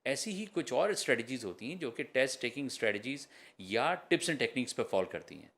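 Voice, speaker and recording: A man speaks as an IELTS trainer on a podcast. He explains step by step at a mid-range pitch and drops English terms in as he goes. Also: very animated, a bit bright. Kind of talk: podcast interview answers.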